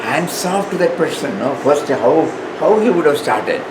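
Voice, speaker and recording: Very animated and pitched on the high side, a South Indian-accented man delivers an informal spiritual lecture, sometimes reading aloud. As the teacher, he's halting and repetitive, ending questions with "no." Clear background noise fills the echoey room.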